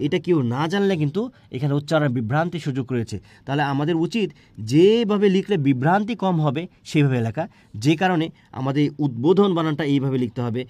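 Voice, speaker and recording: Fast-talking man teaching spelling. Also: fairly high pitch, a little mellow, no echo. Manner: explains patiently, asking and answering his own questions. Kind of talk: spelling lesson for exam prep.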